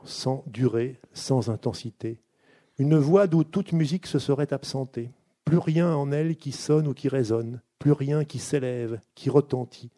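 A man hosting a literary show who reads a book passage aloud in a measured, deliberate way, then questions the author. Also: medium pitch, dark tone.

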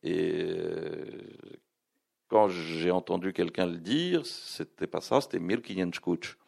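A man's voice: deep voice, lively intonation, slow, gravelly, darkish tone. A man speaking as a guest at a literary festival, explaining at length with many hesitations and restarts. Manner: discursive, full of hesitations and restarts. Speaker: publisher and translator, guest speaker. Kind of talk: public talk at a literary festival.

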